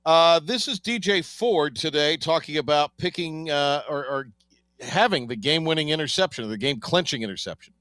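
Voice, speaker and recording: A man's voice: on the high side, animated, normal speed, a bit bright, no echo. A man hosting a sports radio segment, talking casually and rambling with many fillers and restarts.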